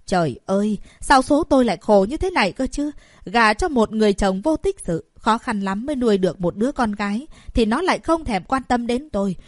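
A woman's voice: medium pitch, very animated, normal speed, few pauses, no room sound, studio quality, natural voice. A woman voicing a greedy, domineering middle-aged mother in an audiobook, scolding and wailing melodramatically. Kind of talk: audiobook character voice.

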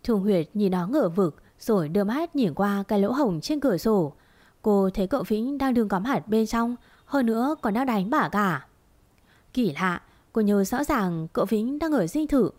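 A woman narrating a story in a steady, expressive reading voice. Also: mid-range voice, moderate pace.

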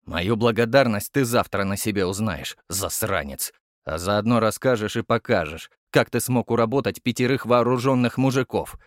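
A man voicing an irritable, gruff police captain who growls and snaps, in an audiobook. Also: fairly low pitch, moderate pace, dry recording, clean studio sound, close to an everyday voice. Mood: grumbling. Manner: growling, snapping.

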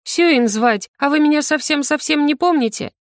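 A high, breathless little voice of a frightened teenage maid, as a woman reader puts her on. She pleads and frets in an anxious rush. The audiobook sound is close and dry, with no room around it. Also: normal speed, no echo, natural voice. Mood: pleading. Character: timid tearful teenage girl servant. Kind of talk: audiobook character voice.

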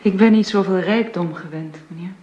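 An actress playing a timid, humble young woman who speaks softly and apologetically, heard as in an old radio show. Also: on the low side, moderate pace, roomy sound, highs cut off. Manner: soft-spoken, apologetic. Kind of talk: radio drama acting.

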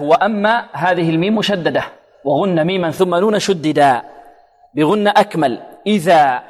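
A man teaching Quran recitation, quizzing listeners with questions and repeating words slowly to model pronunciation. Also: fairly high pitch. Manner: quizzes listeners with prompt questions, then answers. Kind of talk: recitation lesson with recited examples. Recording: long hall reverb.

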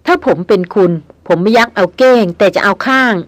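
A woman's voice: medium pitch, fairly quick, no echo, natural voice. A woman reads a young male nobleman in an audiobook, playful and always teasing. His lines come through a dry, close recording.

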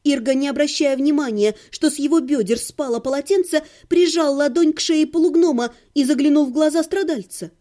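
A woman's voice: high-pitched, fairly quick, few pauses, mellow. A woman reading a humorous fantasy audiobook in the first person, with a wry, ironic manner. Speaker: audiobook narrator.

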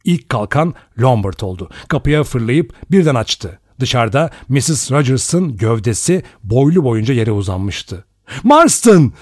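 A man's voice: mid-range voice, dry recording, clean studio sound. Man narrating an audiobook expressively. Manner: measured, expressive storytelling. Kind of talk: scripted narration.

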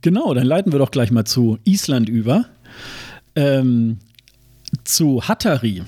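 A man's voice: medium pitch, very animated, measured pace, dark tone, breathy edge, dry recording. Hesitant man co-hosting a podcast. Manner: hesitant, many fillers and restarts. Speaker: podcast co-host. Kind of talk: casual chat.

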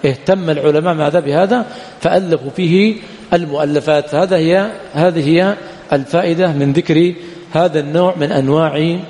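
A man teaching a classroom lecture on hadith sciences, repeatedly pausing to quiz his students on the next word. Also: on the high side, steady tone, darkish tone, long reverb tail. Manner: quizzes students with repeated "what?" prompts. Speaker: Islamic studies teacher. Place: lecture hall at a study center.

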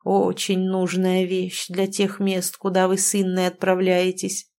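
A kindly old grandfather speaks softly and unhurriedly in an audiobook, voiced by a woman reader. His voice is mellow and sounds tender, and it turns grave when he gives a warning. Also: on the low side, monotone, unhurried. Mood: serious. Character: gentle old grandfather, warm and wise.

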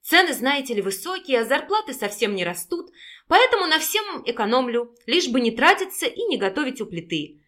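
A woman voicing a sharp-tongued, feisty young woman who snaps back with sarcasm in an audiobook. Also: high voice, big pitch swings, fairly quick. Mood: sarcastic. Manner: sarcastic, indignant, loud.

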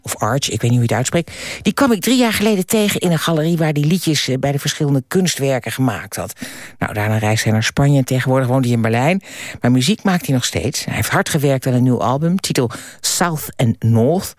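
A late-night radio host chatting casually with callers, lively and full of fillers. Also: medium pitch, fairly quick, no room sound, studio quality. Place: radio studio.

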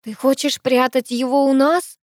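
A woman voicing a brash, teasing young woman who mocks her sister loudly in an audiobook. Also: high voice, steady tone, moderate pace, dry recording, clean studio sound, pitched above the performer's own voice, natural voice. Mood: indignant. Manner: loud, mocking, exclamatory. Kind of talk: audiobook character voice.

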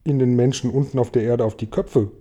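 A man voicing a cautious young boy in a storybook, speaking in a hushed whisper. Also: mid-range voice, steady tone, brisk, slightly rough, close to an everyday voice. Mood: excited whisper.

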